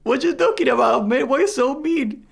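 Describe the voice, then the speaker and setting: A man voicing a confused male gamer in a high, plaintive tone, pleading and asking why others are being mean. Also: normal speed, gravelly, heavily acted. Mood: whiny, puzzled.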